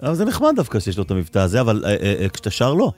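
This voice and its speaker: A man's voice: lowish voice, huge pitch swings, darkish tone. A man hosting a radio show in a casual, teasing, bantering way. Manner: joking, teasing. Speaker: radio host. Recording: music bed behind voice. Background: music.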